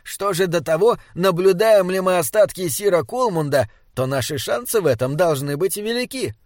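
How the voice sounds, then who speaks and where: A man's voice: high-pitched, expressive, moderate pace, a little mellow, dry recording, voice pushed up. A man puts on a little male troll with a raised, clipped voice and stiffly formal phrasing. He sounds prim and sure of himself, like a scholar lecturing his companions. The recording is dry and close. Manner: stilted, oddly formal phrasing. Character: small wise male troll guide, formal.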